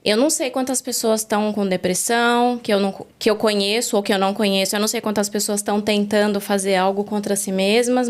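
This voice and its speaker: A Brazilian woman with a medium-pitched voice is the guest on a faith interview, recounting her story earnestly and reflectively in a studio recording.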